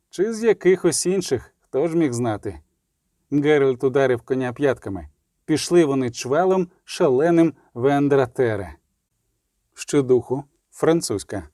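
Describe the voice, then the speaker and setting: A man reading an audiobook in a steady, measured way, adding short explanatory notes. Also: mid-range voice, no room sound, clean studio sound. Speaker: audiobook reader. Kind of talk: audiobook narration.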